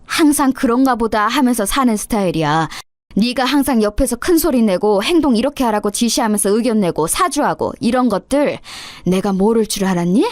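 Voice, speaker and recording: A woman's voice: on the high side, expressive, fairly quick, darkish tone, no room sound, clean studio sound, natural voice. A woman voicing a stern older stepmother-in-law who scolds and accuses her daughter-in-law. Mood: accusing.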